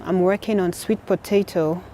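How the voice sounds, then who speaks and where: A woman's voice: fairly low pitch, fairly even intonation, moderate pace, noisy background. A woman from Nigeria, a researcher, speaking in an earnest, reflective way about what she learned.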